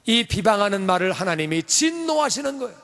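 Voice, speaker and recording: Animated male preacher in a reverberant hall. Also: high-pitched, fairly quick, vocal fry. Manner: animated, shifts between loud emphasis and quiet asides. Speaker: pastor. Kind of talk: sermon. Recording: long reverb of a church hall.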